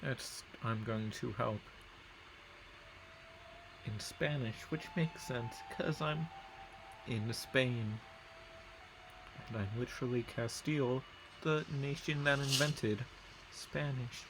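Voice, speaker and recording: A man's voice: medium pitch, takes it slowly, long pauses, background noise. A man casually commentating a strategy game as he plays, rambling and correcting himself while he reads out place names. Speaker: gameplay commentator. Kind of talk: casual let's-play commentary.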